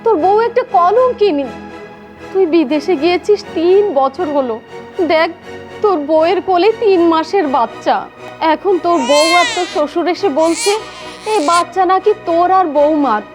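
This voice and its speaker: A woman's voice: extremely high pitch, animated, moderate pace, soft background music. A woman with a Bangladeshi accent playing a harsh, accusing middle-aged mother-in-law in a melodramatic film, scolding and haranguing. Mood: aggrieved. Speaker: actor. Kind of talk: melodramatic short film acting.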